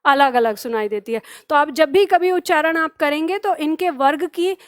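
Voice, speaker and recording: A woman's voice: high-pitched, normal speed, dry recording, studio quality. A woman teaching an online exam-prep language lesson, explaining step by step, asking the students questions and drilling the sounds aloud with them. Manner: asks the students questions and answers them herself. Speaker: Hindi teacher.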